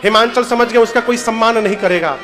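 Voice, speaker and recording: A man's voice: high voice, fast, a bit bright. A man giving a devotional sermon as a religious storyteller, telling stories with animation, putting questions to the audience and breaking into sung verse.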